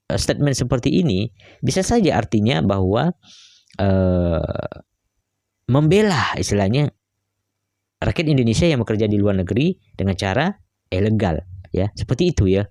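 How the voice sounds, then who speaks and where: A man's voice: mid-range voice, a little mellow, no echo, clean studio sound. A man hosting a reaction video, chatting casually, peppering every thought with "guys, ya" and hesitant fillers. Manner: keeps adding "guys, ya" tags and fillers; musing, hesitant.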